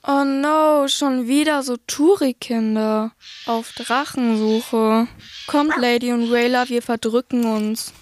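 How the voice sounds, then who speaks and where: A woman's voice: on the high side, fairly even intonation, slow pace, slight background noise. A girl playing a scornful sidekick bully in a children's radio play. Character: slow sidekick bully kid.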